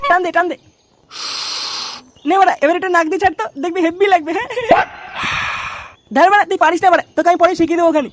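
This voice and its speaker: A man voicing a cheeky, loudmouthed teenage boy in a comic cartoon, swaggering, crude and coaxing. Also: very high-pitched, fairly even intonation, racing, long pauses, faint music behind.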